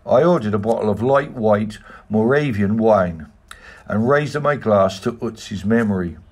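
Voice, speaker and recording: Slow, husky male audiobook reader. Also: lowish voice. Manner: measured, even literary reading. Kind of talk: scripted narration.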